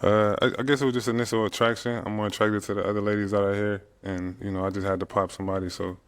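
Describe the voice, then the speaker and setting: A man's voice: lowish voice, flat delivery, fast talker, clear, resonant tone. A man on a dating show who speaks politely and apologetically. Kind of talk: casual dating show chat.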